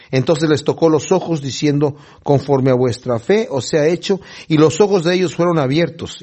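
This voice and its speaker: Lively, animated male preacher. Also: high-pitched. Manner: animated storytelling, acts out scenes in little voices. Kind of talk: sermon.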